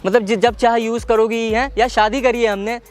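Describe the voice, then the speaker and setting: Man acting as a pleading broke young husband, exasperated, stammering, high voice, fast talk. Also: fairly even intonation, faint music behind. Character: desperate indebted young husband pleading with his wife. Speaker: husband in a skit.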